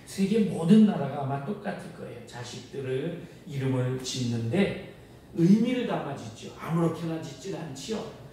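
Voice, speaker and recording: Pastor preaching in an echoey church. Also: male voice, dark tone, slight background noise. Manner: acts out quoted inner voices with rising pitch. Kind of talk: sermon. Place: church sanctuary. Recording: echoey church hall, voice from far off, faint ambience.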